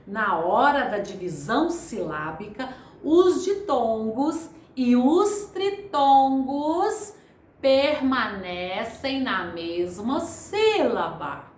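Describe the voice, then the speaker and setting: A middle-aged woman with a high, very lively voice teaches grammar at an unhurried pace. She breaks words into syllables and repeats key terms. Her voice rings in an echoey room. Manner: didactic, repeats and spells out syllables slowly. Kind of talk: video grammar lesson.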